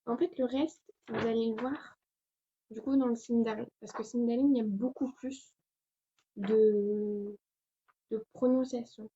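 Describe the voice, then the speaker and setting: A young woman gives a relaxed home lesson in a slow, hesitant, chatty way. Her voice is dark and somewhat husky. The recording sounds dull and lo-fi. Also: on the high side. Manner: chatty, hesitant, many fillers. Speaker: language tutorial host. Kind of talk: casual spoken lesson.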